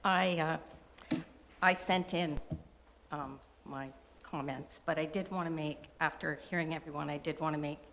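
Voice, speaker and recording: Low-voiced woman in an echoing chamber. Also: fairly even intonation, measured pace, fairly bright tone, slight background noise. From Wasaga Beach, Ontario, Canada. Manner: conversational, restarts and asides. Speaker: resident speaking at public meeting. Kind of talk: public comment at council meeting. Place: council chamber. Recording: council chamber with long reverb.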